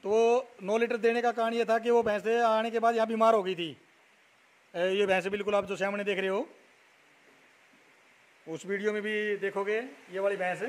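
A young man from Haryana, India, touring a buffalo shed at night and chatting as a dairy vlogger. He repeats numbers and names back and fills pauses with "a". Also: high-pitched, flat delivery. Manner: repeats figures and names back, many "a" fillers. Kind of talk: casual walk-around video with interview.

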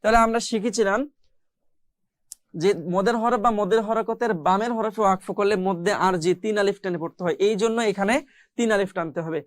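A recitation teacher gives a step-by-step lesson, pausing to demonstrate by chanting long, held-out syllables. The voice is smooth and resonant, recorded close in a dry space with no room sound. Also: mid-range voice, fairly even intonation, no room sound. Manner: explains rules slowly, then chants drawn-out Arabic syllables.

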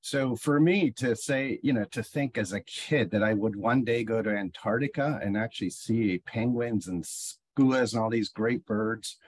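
A middle-aged man from Chile speaks on a video call in a husky, breathy voice. The sound is dry and close, and he talks eagerly, rambling and restarting his sentences. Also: fairly low pitch, unhurried, hardly any pauses, no echo. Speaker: panel guest, bird tour guide. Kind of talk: casual panel discussion. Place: home office on a video call.

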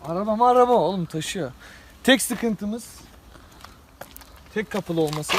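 Joking young man with a high lively voice. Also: unhurried. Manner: teasing, crude slang. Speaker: vlogger. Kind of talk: joking casual banter. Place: outdoors by a parked car.

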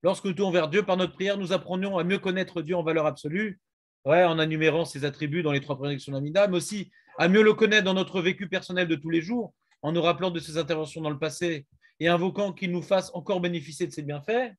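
A man's voice: fairly high pitch, fast. A man teaching a Talmud class, questioning and prodding his students.

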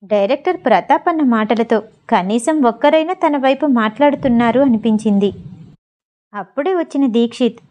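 A woman reading a story aloud as an audiobook narrator, steady and measured. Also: fairly high pitch. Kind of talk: scripted narration.

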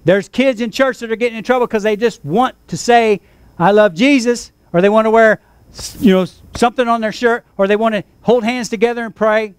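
Pastor, male, high voice, emphatic sermon delivery with call-and-response. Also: brisk, clean tone, dry recording. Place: church.

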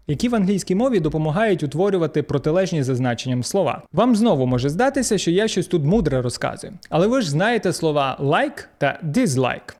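Man, Ukrainian accent, pronunciation lesson, animated pitch, slow careful examples. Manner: lively, slows down to model English words. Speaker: English teacher.

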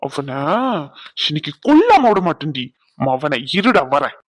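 A gruff young husband in a cartoon who teases his wife and then comforts a crying friend, as a woman voices him. The voice sits a little low. The sound is close and dry. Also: sing-song, measured pace, no room sound, full character voice. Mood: protesting. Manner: brusque, comforting. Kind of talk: cartoon voice acting.

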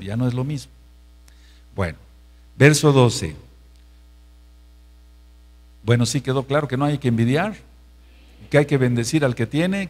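Emphatic Mexican Spanish pastor teaching. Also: male voice, medium pitch, a little mellow. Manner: emphatic, repeats phrases, asks the congregation questions. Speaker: pastor teaching Torah study. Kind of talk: sermon-style Bible study.

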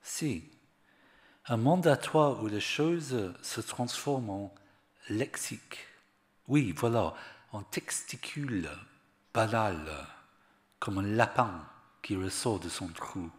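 A poet reads his own poem to an audience, hesitant and stopping on fillers. He speaks very slowly in a fairly low voice. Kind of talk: public poetry reading.

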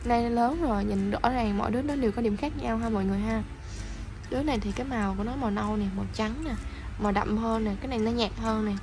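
Doting woman with higher voice. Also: steady tone, very fast, over music. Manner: doting, chatty, talks baby talk to puppies. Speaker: pet vlogger. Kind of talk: casual vlog narration. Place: home.

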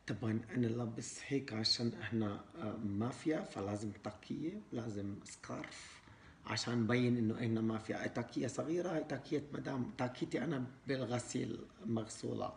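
A man's voice: mid-range voice, fast, vocal fry, close to an everyday voice. A man playing a bossy foreign mafia boss in a comedy sketch, speaking broken Arabic with an English accent. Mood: self-important. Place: living room, indoors. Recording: echoey living room, faint hiss.

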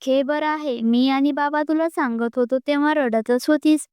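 A woman voicing a caring middle-aged mother who soothes and gently scolds her daughter. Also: high-pitched, steady tone, moderate pace, dry recording, clean studio sound, close to an everyday voice. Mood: scolding.

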